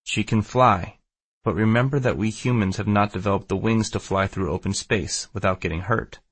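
A man voicing an earnest, cautioning shaman's apprentice with a Maltese accent and halting delivery in an audiobook. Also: fairly low pitch, slightly rough, no echo. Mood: earnest warning. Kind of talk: audiobook character dialogue.

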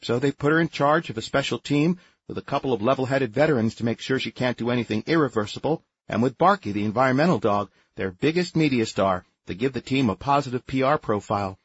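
A man voicing a calm, sensible female adjutant who explains things patiently. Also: mid-range voice, fast talker, slightly rough, dull audio, pitched above the performer's own voice, natural voice.

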